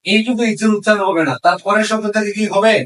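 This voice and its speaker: Switching back and forth between Bengali and English, this teacher shows his class how English questions are built, asking them questions and echoing their replies. His voice sits high and a bit bright, with fairly even intonation and a quick pace, and the rough recording was made from a distance.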